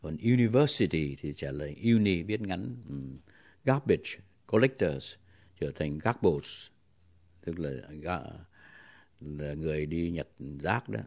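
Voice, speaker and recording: A male English teacher explaining words patiently, pausing to think and spelling them out letter by letter. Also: deep voice, animated, a little mellow. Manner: pauses with thinking fillers. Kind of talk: explaining language on a radio lesson.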